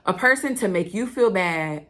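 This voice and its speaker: A woman hosting her own podcast, talking fast and excitedly in a casual, direct way to her listeners and speaking of God. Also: medium pitch. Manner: chatty, addresses listeners directly. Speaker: podcast host. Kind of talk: casual solo podcast talk.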